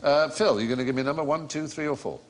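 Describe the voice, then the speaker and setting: A man's voice: on the high side, rapid-fire. A man hosting a comedy quiz panel show in a studio, explaining answers with a genial, storytelling manner. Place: studio with live audience.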